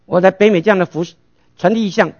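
A man's voice: high voice, fairly even intonation, quick pace, muffled recording. A male pastor preaching a sermon, asking rhetorical questions and answering them himself.

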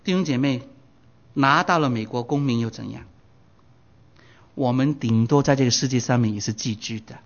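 A man in his sixties preaching a Bible sermon, his voice surging high and loud for emphasis and slipping in English phrases. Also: moderate pace, long pauses. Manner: drops English phrases into Mandarin. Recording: dull lo-fi recording.

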